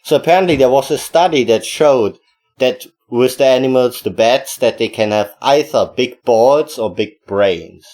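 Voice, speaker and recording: A man's voice: mid-range voice, moderate pace, darkish tone. A man with a Finnish accent hosting a casual podcast, joking crudely with his co-host and a caller. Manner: crude, joking, lists plugs in a sing-song.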